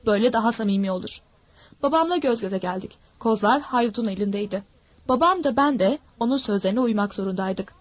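A woman narrating a story in a steady, dramatic reading. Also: on the high side, no room sound, lo-fi sound.

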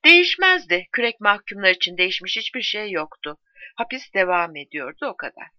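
A woman reading a novel aloud with lively, shifting intonation. The recording is dry and a little dull and lo-fi, like a home microphone in a small quiet room. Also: medium pitch, fairly quick, no echo. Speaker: audiobook reader. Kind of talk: scripted narration of a novel.

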